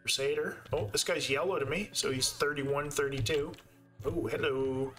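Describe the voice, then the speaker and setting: A man's voice: a little high, fairly even intonation, moderate pace, a bit bright, faint music behind. A man with a Canadian accent giving easygoing live commentary while he plays a game and thinks aloud. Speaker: game streamer.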